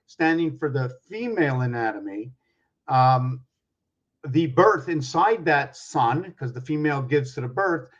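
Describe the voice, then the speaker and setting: A man in his sixties giving a rambling explanatory monologue, working through sums aloud, pointing at objects and putting questions to the viewer. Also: on the high side. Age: 60s. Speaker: numerology speaker. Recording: dull lo-fi recording.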